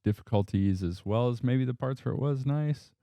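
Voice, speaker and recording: A man hosting a family podcast, asking questions in a relaxed way with teasing, joking asides. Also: mid-range voice, normal speed, no echo. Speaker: podcast host. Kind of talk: casual family podcast interviewing.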